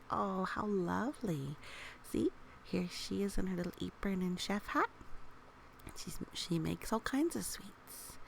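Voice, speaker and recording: A woman reads a picture book aloud to young children, adding gentle, expressive, chatty asides and questions. Her voice is medium-pitched and creaky, and the poor audio carries slight background noise.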